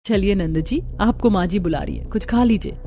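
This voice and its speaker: A woman's voice: medium pitch, moderate pace, dark tone, faint music behind, close to an everyday voice. A woman voicing a caring, sensible young sister-in-law who speaks earnestly and coaxingly.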